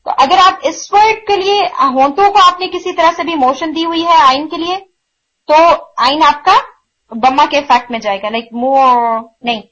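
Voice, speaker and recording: High-voiced woman teaching recitation sounds. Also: a bit bright, highs cut off. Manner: explains patiently, demonstrates sounds slowly and repeats them; mixes English words into her talk. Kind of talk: online tajweed lesson.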